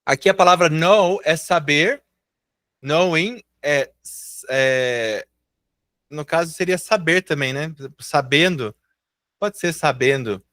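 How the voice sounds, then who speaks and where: A Brazilian man with a slightly high voice teaches in a live class, patient and encouraging. He stretches the words he is showing into slow, careful sounds. His voice is dry and close to the mic. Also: lively intonation, a bit bright, no echo. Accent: Brazilian Portuguese. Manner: encouraging, patient, slowly drawls out example words. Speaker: English teacher.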